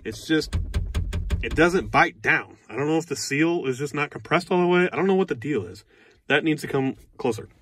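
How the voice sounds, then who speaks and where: A man's voice: on the high side, animated, normal speed, fairly bright tone, breathy edge, no echo. A man giving a casual, rambling review of his skid steer from inside its small cab, talking bluntly about what he dislikes.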